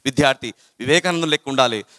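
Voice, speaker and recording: A man giving an animated storytelling talk to students, repeating phrases and chanting verses. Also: mid-range voice, rapid-fire, no echo, studio quality. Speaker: motivational speaker to students.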